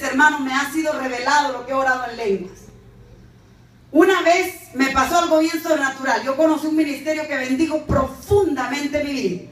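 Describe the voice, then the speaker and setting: Fervent Guatemalan woman preaching. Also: sits high. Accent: Guatemalan Spanish. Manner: fervent, emphatic, addresses congregation directly. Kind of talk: sermon. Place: church. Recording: echoey church hall, mic far off, faint noise.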